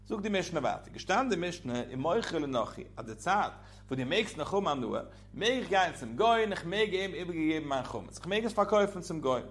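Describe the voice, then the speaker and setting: Man, high-pitched voice, religious teacher, sing-song lesson cadence. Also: very animated, a little fast, a bit bright, slight background noise.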